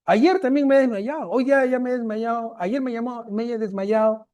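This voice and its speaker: Man putting on a shy teen girl patient, raised pitch, plaintive and repetitive. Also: a little fast, a little mellow. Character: timid eighteen-year-old girl patient who keeps fainting.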